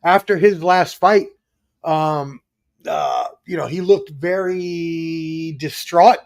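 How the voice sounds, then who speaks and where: A man's voice: a little high, takes it slowly. A man appearing as a guest sports analyst on a casual podcast over a video call, talking conversationally and emphatically as he makes his points.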